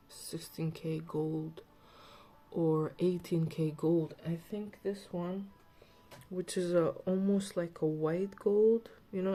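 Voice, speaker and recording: Woman, slight lisp, low voice, unhurried, rambling casual vlog chat, faint music behind. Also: warm tone, slightly rough. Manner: rambling, chatty, with many fillers.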